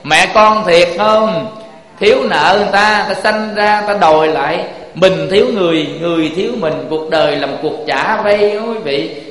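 A Buddhist monk with a Southern Vietnamese accent preaches in a fairly high voice. He keeps turning to his listeners with rhetorical questions. His voice rings in a roomy hall with a long tail of reverb. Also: a bit bright. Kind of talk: sermon.

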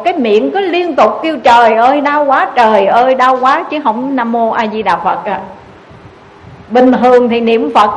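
A woman's voice: fairly high pitch, slight background noise, poor audio. A Buddhist nun giving an earnest dharma talk, urging her listeners with repeated rhetorical questions. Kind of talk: sermon.

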